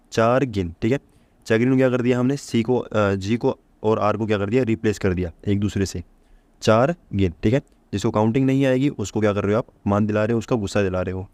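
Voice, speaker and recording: A man with a lowish voice teaches an exam-prep vocabulary lesson. He quizzes the listener with rhetorical questions and answers each one himself. He drills every point by repeating it, and the sound is close and dry. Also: darkish tone, no room sound. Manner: repeats key points to drill memory tricks.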